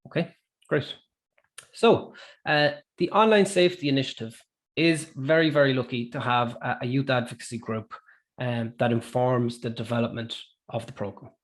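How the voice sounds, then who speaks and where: Casting: male Irish webinar presenter, medium pitch, informal explanatory delivery. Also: normal speed.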